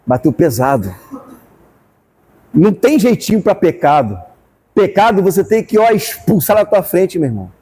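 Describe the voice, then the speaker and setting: A man with a Brazilian Portuguese accent preaching a fervent sermon as pastor, rising to shouts at times. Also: sits high, very animated, moderate pace, pauses often, husky, big-room sound.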